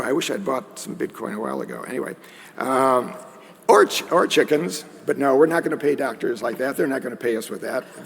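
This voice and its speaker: A man's voice: medium pitch, vocal fry, husky. A man giving a conference lecture in a conversational way, with joking asides. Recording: long hall reverb.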